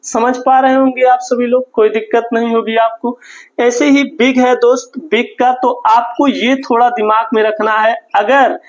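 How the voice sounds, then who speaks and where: A man's voice: very high-pitched, little pitch movement, moderate pace, rough recording. Patient man teaching grammar. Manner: patient, repetitive explaining, often says "friend". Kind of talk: online classroom lesson.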